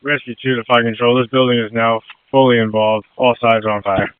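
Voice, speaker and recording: An urgent male firefighter reports in clipped phrases over a two-way radio. His voice is clean and steady in tone, squeezed through a narrow, muffled channel with little room sound. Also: medium pitch, brisk, clear, resonant tone, no echo. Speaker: firefighter on fire ground radio.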